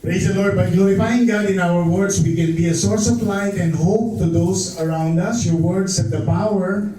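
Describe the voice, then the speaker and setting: Slow-preaching pastor in echoey church. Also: male voice, high-pitched, steady tone, crowd noise. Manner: slow, calls for "Amen" responses. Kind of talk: sermon. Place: church hall. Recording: echoey hall from far off. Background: congregation.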